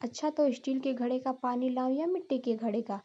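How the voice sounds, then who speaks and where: A woman's voice: sits high, a little fast, lo-fi sound. A woman voicing a silly, literal-minded young daughter-in-law in a cartoon story, naive and earnest.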